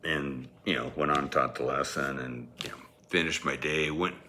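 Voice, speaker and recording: Deep-voiced man telling a rambling story. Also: fairly even intonation, normal speed, sharp tone, slight background noise. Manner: amused, rambling, chuckles as he talks. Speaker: former teacher. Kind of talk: casual personal storytelling.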